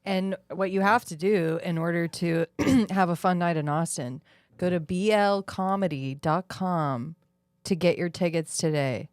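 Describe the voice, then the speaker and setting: A woman's voice: fairly low pitch, a little slow, dry recording. A woman co-hosting a comedy podcast, trading playful banter and plugging shows. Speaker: podcast co-host. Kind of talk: casual comedy chat.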